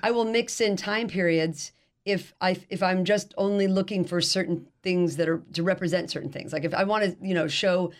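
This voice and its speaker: A woman's voice: on the low side, moderate pace. A middle-aged woman, an author being interviewed, talking in a rambling, self-deprecating way and laughing often. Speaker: author guest. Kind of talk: casual interview chat.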